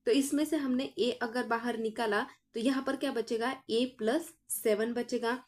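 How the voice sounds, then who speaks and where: A woman's voice: a little high, fairly even intonation, moderate pace. A woman math teacher walks through each step, asking the class questions and answering them herself. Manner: addresses students as children.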